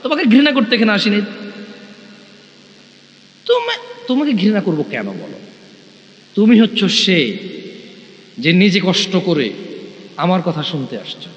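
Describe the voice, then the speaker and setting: A man preaching a sermon at a large gathering, loud and restless, speaking through a microphone. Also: high voice, big pitch swings, fairly quick, lo-fi sound. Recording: echoey hall with long reverb.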